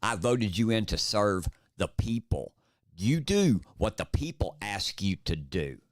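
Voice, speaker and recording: A man's voice: fairly low pitch, big pitch swings, measured pace, no echo, clean studio sound. A man co-hosting a political talk podcast, speaking emphatically and with passion. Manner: emphatic, impassioned ranting. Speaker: podcast co-host.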